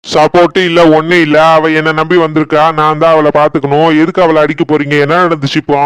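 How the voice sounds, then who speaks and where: A man with a Tirunelveli Tamil accent voicing a gentle young husband in a cartoon, soothing his wife and standing firm with his mother. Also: a little high, flat delivery, fast talker, clear, resonant tone, no room sound, close to an everyday voice. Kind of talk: cartoon voice acting.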